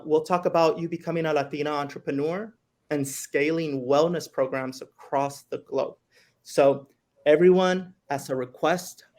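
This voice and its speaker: Enthusiastic man hosting a live interview. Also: on the high side. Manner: enthusiastic, switches into Spanish phrases. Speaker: host. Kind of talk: livestream interview.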